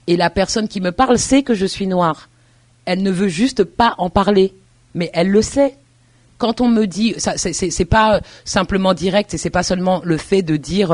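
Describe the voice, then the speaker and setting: Speaking on the low side, a woman university lecturer answers interview questions earnestly. She thinks aloud, hesitating and restarting, and keeps checking that the listener is following.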